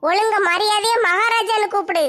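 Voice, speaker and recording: A woman plays a possessed villager in a comedy skit who struts as a self-crowned king. She drags her words out slowly and pompously. The voice sits very high. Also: fairly even intonation, sharp tone. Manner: slow, pompous, demanding.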